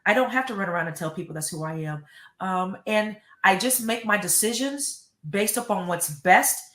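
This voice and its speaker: A woman's voice: mid-range voice, normal speed, fairly bright tone. Middle-aged woman superintendent, earnest and emphatic, in a roomy, echoey recording. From United States. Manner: earnest, emphatic, repeats words. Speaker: school superintendent. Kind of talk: interview answers.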